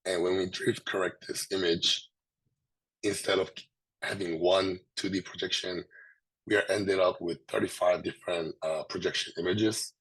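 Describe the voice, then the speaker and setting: A man with a hoarse, swollen sore-throat voice, giving a halting scientific presentation. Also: deep voice, level tone, fairly bright tone, rough recording. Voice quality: hoarse, husky. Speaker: presenter, researcher.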